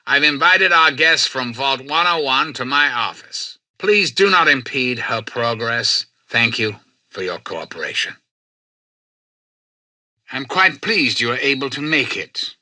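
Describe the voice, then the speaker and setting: A male actor playing a self-styled president in a video game, a calculating artificial intelligence who speaks in formal, measured, persuasive oratory. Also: mid-range voice, pushed and bright, dry recording, heavily acted. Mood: commanding, then patient, insistent. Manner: grandiose, measured, courteous, persuasive. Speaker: president addressing personnel and listeners.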